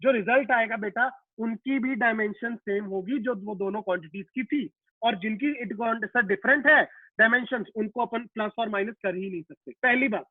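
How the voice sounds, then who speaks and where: A man's voice: high voice, moderate pace, no room sound. A male physics teacher giving a live online lecture, asking questions and answering them himself, calling students "beta" and explaining with everyday examples. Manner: asks and answers his own questions, calls students "beta". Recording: tinny phone-like dry sound.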